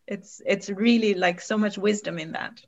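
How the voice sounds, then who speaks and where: A woman's voice: mid-range voice, fairly even intonation, normal speed. Effusive woman co-host, slightly dull sound. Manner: warm, effusive, searching for words. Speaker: podcast co-host. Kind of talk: casual interview chat.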